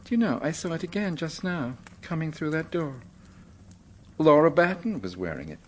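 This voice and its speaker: A man with a fairly high, sing-song voice plays a radio-drama character: a polite but defensive American manuscript collector, evasive, easily rattled, and prone to the occasional stammer. He speaks at a normal pace, recalling something anxiously, with a faint hiss or hum in the audio.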